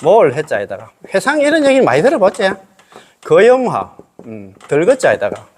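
Monk, man; animated, slightly high delivery, teaching informally with frequent questions to the room. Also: moderate pace. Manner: chatty, checks listeners with tag questions, chuckles often. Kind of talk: casual dharma lecture.

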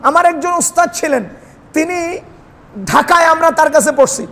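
High-voiced imam preaching in a ringing hall. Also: male voice, normal speed, creaky, a bit bright. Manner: fervent, rhetorical questions, joking asides. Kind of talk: Friday sermon.

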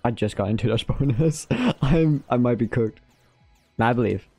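Young man, lowish voice with gravelly fry, mellow tone, laughing easy gaming chat, faint music behind. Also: normal speed, no echo. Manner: laughs often, relaxed banter. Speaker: rival speedrunner. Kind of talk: casual chat while gaming.

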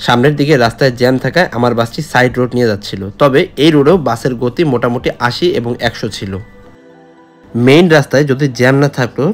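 A man giving scripted voice-over narration for a travel vlog, describing the trip as he goes. He talks quickly. Soft music plays under his voice. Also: mid-range voice. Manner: descriptive, reviewing. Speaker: travel vlogger.

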